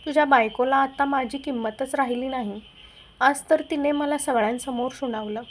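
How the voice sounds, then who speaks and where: A woman's voice: high-pitched, fairly even intonation, moderate pace, a little hiss or hum, lightly acted. A woman voicing a scheming older mother-in-law who complains with fake tears. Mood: complaining. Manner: snapping, then whining read-aloud dialogue.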